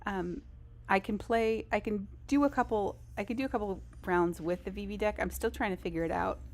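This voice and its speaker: A woman with a medium-pitched, fairly quick voice chats casually while live streaming a game. She rambles informally and pokes fun at herself.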